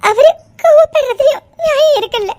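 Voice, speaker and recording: A woman's voice: very high voice, moderate pace, darkish tone, no room sound. A woman voicing a young married woman in a cartoon serial, sobbing and pleading. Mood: tearful pleading.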